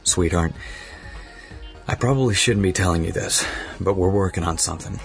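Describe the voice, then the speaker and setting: A man playing a gentle, deep-voiced husband. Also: normal speed, creaky. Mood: soothing. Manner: gentle, soothing, hesitant. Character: doting husband, a cosmetics researcher. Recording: faint music underneath.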